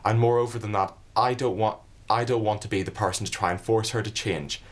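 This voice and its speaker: A man's voice: fairly low pitch, fairly even intonation, fairly quick. A man speaking in an earnest, aggrieved way as a reality show contestant in a confessional. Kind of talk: confessional to camera.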